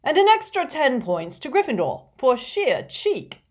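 A woman voicing a jovial, portly older male potions teacher with a hearty, booming manner. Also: huge pitch swings, unhurried, full character voice.

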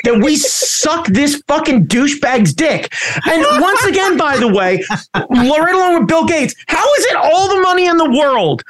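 A man's voice: very high voice, lively intonation, moderate pace, a bit bright. A man hosting a casual chat, ranting with heavy swearing and sarcastic exasperation. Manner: profane, ranting.

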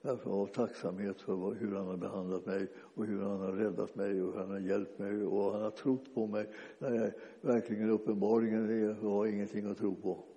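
Dark-voiced male preacher, halting delivery. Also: on the low side, level tone. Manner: conversational, halting with restarts and fillers. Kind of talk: informal sermon. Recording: dull lo-fi sound with long reverb.

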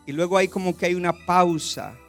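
A man's voice: high-pitched, fairly quick, fairly bright tone, faint music behind. A man preaching a sermon as pastor, passionate, building intensity and acting out quoted lines.

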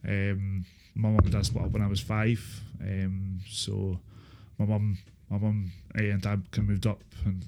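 A Scottish man in his thirties recalling his life in a casual interview, speaking haltingly with repeated filler phrases. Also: lowish voice, monotone, heavy background noise. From Inverness, Scotland. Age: 30s. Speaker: interview guest, former supported-housing tenant. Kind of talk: casual interview, personal recollection.

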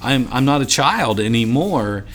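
A man's voice: medium pitch, lively intonation, unhurried, fairly bright tone, soft background music. A man hosting a ministry podcast in casual chat, rambling and repeating words as he restarts his thoughts. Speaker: podcast host for ministry assistants.

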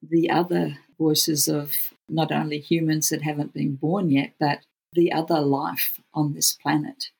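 An Australian speaker with a gravelly, husky voice who says w for r, talking reflectively as an interview guest. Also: medium pitch, flat delivery, unhurried, darkish tone, low-quality recording. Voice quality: cannot pronounce R's well, says w for r. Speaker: podcast guest, futurist researcher.

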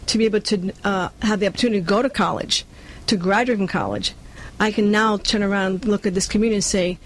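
Born in Cuba and raised in Brooklyn, this community nonprofit leader speaks Spanish as a first language and has a New York accent. Being interviewed, the person answers earnestly as a community organizer, acting out quotes along the way, in a mid-range voice with a steady tone and quick pace.

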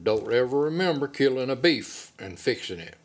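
A man's voice: medium pitch, lively intonation, normal speed. An older man with an Appalachian accent reminiscing casually in an interview, with folksy rural phrasing. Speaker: interviewee recalling childhood. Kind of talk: casual oral-history reminiscence.

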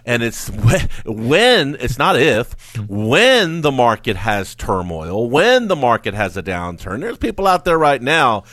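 Lively radio finance host, dry studio. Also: male voice, mid-range voice, a little slow, dry recording. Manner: animated, laughs often, mocks carefree investors in a sing-song voice. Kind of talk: casual radio chat. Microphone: studio mic.

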